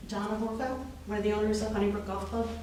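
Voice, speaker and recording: A woman's voice: mid-range voice, flat delivery, fast talker. Give me a firm, polite woman making a statement. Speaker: golf club owner giving a statement. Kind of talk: public comment at a hearing. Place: township meeting room. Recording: echoey hall from far off with loud noise.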